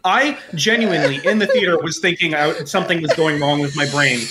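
A man hosting a podcast in casual chat, rambling and animated, swearing freely. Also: a little high, fairly quick, very noisy. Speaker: podcast host.

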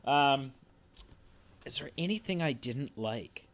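A man's voice: medium pitch, lively intonation, slow, fairly bright tone. A man co-hosting a casual podcast, chatting about a film in a loose, filler-heavy way. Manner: chatty, tangent-prone, lots of fillers. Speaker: podcast co-host. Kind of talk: casual movie review chat.

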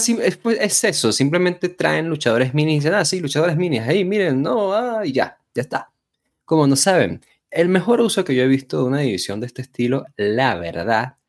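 Man, lowish voice, casual wrestling co-host, informal halting delivery, chatty asides.

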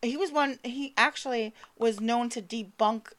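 A woman's voice: fairly high pitch, measured pace, a bit bright. Stumbling, casual woman telling a ghost story. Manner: stumbles over names and words, laughs at herself; swears casually. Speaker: podcast co-host telling the story.

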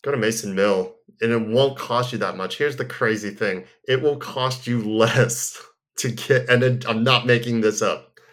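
A man's voice: medium pitch, steady tone, unhurried, a bit bright. A man hosting a casual podcast, chatting in an easygoing, rambling way and reading a sponsor spot. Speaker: podcast host. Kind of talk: casual chat and live ad read.

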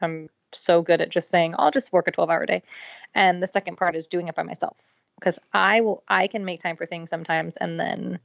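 A woman's voice: on the low side, little pitch movement, normal speed, gravelly, hardly any pauses, no echo. A woman co-hosting a podcast in casual chat, talking chattily with many "um" and "like" fillers. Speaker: podcast co-host. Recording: dull, dry, lo-fi recording.

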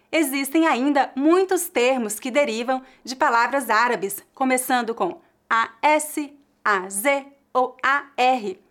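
A Brazilian woman teaching a language lesson with careful, deliberate pronunciation and a Brazilian accent. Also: fairly high pitch, fairly bright tone. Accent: Brazilian Portuguese. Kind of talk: clear, slow language lesson.

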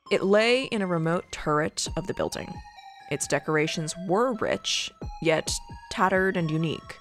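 A woman podcast host reading a gothic horror story aloud in a measured, deliberate storytelling manner. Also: low voice, creaky.

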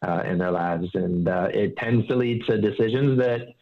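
A man giving calm financial advice in an interview, explaining with analogies and often restarting his sentences. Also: on the low side, moderate pace. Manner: earnest and explanatory, fond of analogies, many restarts. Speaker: financial advisor guest. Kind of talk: casual interview. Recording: dull, slightly lo-fi audio.

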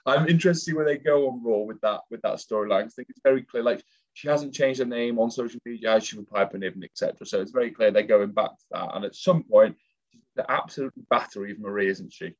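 A man's voice: mid-range voice, fast talker, a little mellow. A man with a mid-range voice co-hosts a casual podcast and tells stories in a chatty way. His sound is slightly dull and lo-fi. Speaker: podcast co-host.

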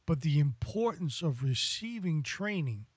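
A man's voice: fairly high pitch, sing-song, a little slow, slightly rough, no echo. An American man hosting a podcast in a casual, folksy, wordy way. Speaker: podcast host.

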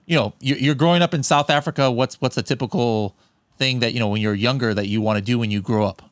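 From his home studio, an American podcast host chats casually with a guest, relaxed and rambling with many restarts. His mid-range voice moves quickly, with no room sound.

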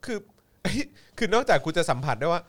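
A man's voice: high-pitched, big pitch swings, normal speed. A man co-hosting a casual political talk show, sarcastic and swearing freely as he mocks the news. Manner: sarcastic, swears freely, laughs while mocking. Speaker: podcast co-host. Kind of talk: casual political commentary chat.

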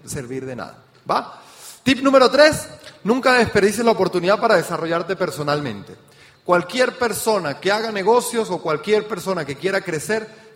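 Energetic high-voiced man in an echoing hall. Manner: energetic, addresses the audience directly with rhetorical questions. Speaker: business speaker. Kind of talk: motivational seminar talk. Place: event hall with an audience. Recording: reverberant hall sound.

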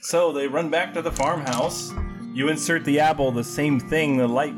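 A man's voice: on the high side, fairly even intonation, normal speed. A man running a tabletop role-playing game, narrating scenes and calling for rolls as game master. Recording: loud music behind the voice.

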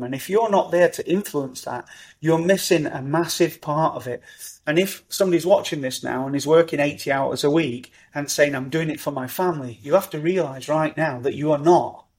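A middle-aged man, talking as a podcast guest in an animated, upbeat way. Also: fairly high pitch. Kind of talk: conversational interview.

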